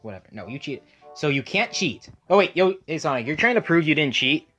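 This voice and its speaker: A woman's voice: sits low, very animated, a bit bright, husky, soft background music, exaggerated voice. A woman voicing a bossy male Mario plush toy who hosts a stay-up contest and scolds the others in a home toy video. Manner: bossy, scolding, quick to bicker. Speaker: contest host among toys.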